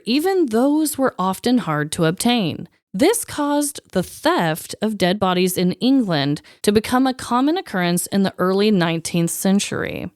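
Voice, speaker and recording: A woman's voice: medium pitch, darkish tone, no room sound, clean studio sound. A woman co-hosting a podcast in casual, chatty style, with a slightly wheezy voice and a playfully dramatic, emphatic way of talking. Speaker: podcast co-host.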